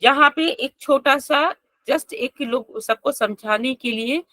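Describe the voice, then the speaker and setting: A woman teaching an online yoga class, explaining step by step, chanting verses slowly and asking her students questions. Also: high voice, bright, forceful tone, no echo.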